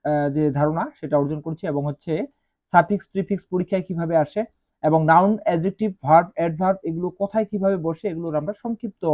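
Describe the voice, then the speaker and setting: A man teaching English grammar as a lesson, speaking slowly and repeating each example. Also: fairly high pitch. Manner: slow, repetitive, spells out each example. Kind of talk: explaining grammar rules to students. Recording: dull lo-fi sound.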